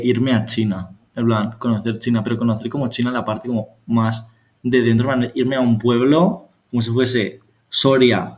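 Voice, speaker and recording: A young man, co-hosting a casual podcast with teasing, joking banter. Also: medium pitch. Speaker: podcast co-host. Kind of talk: casual chat.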